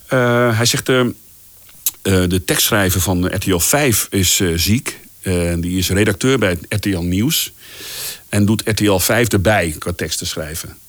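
A man's voice: sits low, normal speed, dry recording. A man in his fifties from the Netherlands, a voice-over artist telling career stories in a casual interview, with many fillers, acting out the lines of others. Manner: animated anecdotes with many fillers, acts out quoted lines. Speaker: voice-over artist, podcast guest.

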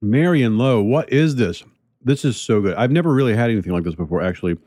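A man's voice: mid-range voice, lively intonation, fast talker, warm tone, no room sound, studio quality. A man hosting a podcast, tasting a treat and chatting with enthusiasm, now and then talking with food in his mouth. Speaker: podcast host. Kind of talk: casual tasting segment and outro.

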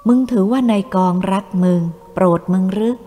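A woman's voice: medium pitch, normal speed, natural voice. A woman voicing a cruel male traitor who threatens and bullies in a coarse, heavy way. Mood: threatening. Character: cruel male traitor, Thai collaborator, menacing. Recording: reverberant room with soft music.

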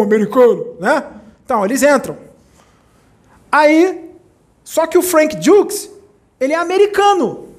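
A man giving an informal spiritual talk. He retells film scenes in an animated way and keeps checking in with his listeners. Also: extremely high pitch. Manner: animated storyteller, acts out quoted characters; conversational, checks in with listeners often. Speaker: spiritual speaker.

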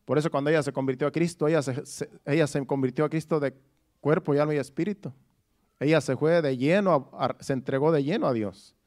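A man's voice: a little high, a little fast, a little mellow. A middle-aged man preaching a sermon in an earnest, personal way, often restarting his phrases. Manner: earnest, testimonial, with frequent restarts.

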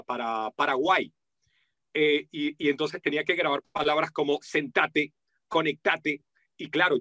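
A man with a Venezuelan accent, a voice-over artist talking animatedly in an interview and acting out the voices he quotes. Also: dry recording. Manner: animated, acts out quoted voices with big pitch jumps. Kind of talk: casual interview talk.

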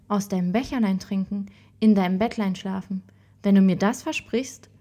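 A woman's voice: mid-range voice, normal speed, mellow, natural voice. A woman voicing a pushy male frog from a well in a fairy-tale reading, coaxing and insistent.

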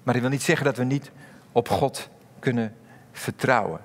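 A pastor delivers a sermon with emphasis, his voice suddenly rising and falling as he speaks directly to the congregation and poses rhetorical questions. He has a mid-range voice at a moderate pace, with a long reverb tail.

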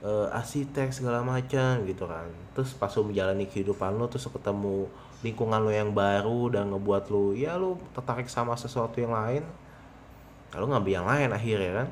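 A man's voice: lowish voice, brisk, slight background noise. A young man, hosting a podcast in casual, rambling, slangy chat full of fillers. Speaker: podcast host.

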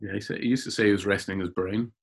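A man with a lowish voice chats on a podcast as a cricketer guest. He tells his stories with animation and stumbles into repeated words as he builds them up. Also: steady tone, quick pace, creaky. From Scotland. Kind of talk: casual podcast chat.

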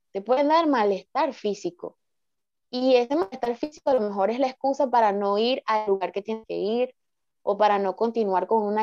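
A woman's voice: fairly high pitch, darkish tone, no room sound. Reflective woman, dull dry sound. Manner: reflective, acts out inner thoughts in quotes. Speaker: therapist guest. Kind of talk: calm explanatory podcast talk.

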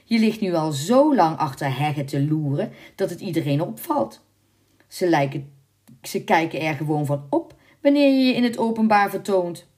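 A woman's voice: lowish voice, a little slow, few pauses, a little mellow, pitched above the performer's own voice, lightly acted. A woman doing teasing young noblemen. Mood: mocking. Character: mocking young male friends of a nobleman.

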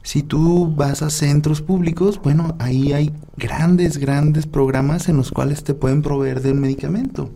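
Mellow, patient urologist man. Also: fairly high pitch, steady tone, unhurried, vocal fry, hardly any pauses. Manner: patient, explanatory. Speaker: urologist guest. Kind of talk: explanatory conversation.

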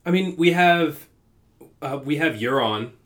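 A man's voice: fairly high pitch, lively intonation, unhurried, a bit bright. A man in a casual podcast chat, enthusiastic and full of fillers.

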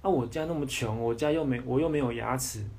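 A man voicing a self-pitying old man, who nags young people in a drawn-out whine. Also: mid-range voice, a little mellow, lightly acted. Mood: whining.

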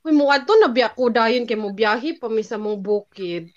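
A woman's voice: fairly high pitch, expressive, normal speed, dull audio, noisy background. A young woman co-hosting a casual chat among friends, chatty and laughing often. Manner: chatty, laughing, mock American-accent bits. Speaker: co-host of a reunion chat.

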